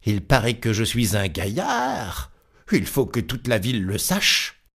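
A man voicing a boastful, cheeky little tailor in a storybook reading, with bragging, excitable exclamations. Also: lowish voice, a little slow, slightly rough, full character voice.

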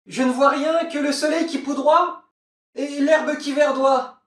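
A young sister on a lookout tower calls down in a high, ringing falsetto. She answers slowly and loudly, as if across a distance. A storybook sister on watch. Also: steady tone, reverberant. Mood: calling out. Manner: high falsetto, calling out from afar. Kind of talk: storybook reading.

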